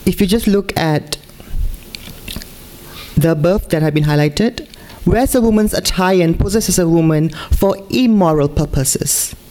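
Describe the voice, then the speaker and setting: A middle-aged Malaysian woman gives a conference talk at a podium microphone in a large hall. Her fairly low, slightly mellow voice sounds earnest and pleading, and she repeats phrases for emphasis.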